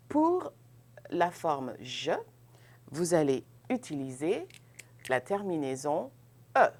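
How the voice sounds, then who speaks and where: Slow, gravelly-voiced woman teaching French. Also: deep voice. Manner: slow, patient, checks in with "n'est-ce pas" and "ok". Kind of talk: grammar lesson at a board, mixing French and English.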